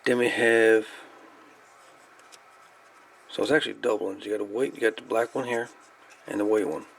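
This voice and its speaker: At an indoor workbench, a male hobbyist presenter talks through fixing a radio in a casual, plain, unscripted way. His fairly low, steady voice has vocal fry and a breathy edge and moves at normal speed. The recording is a noisy amateur camera clip.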